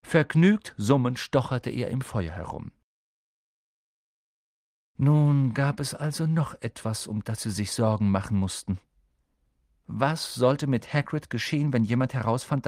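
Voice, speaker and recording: A man narrating an audiobook in a scripted, expressive way. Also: medium pitch, moderate pace, no room sound, studio quality. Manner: expressive, character voices.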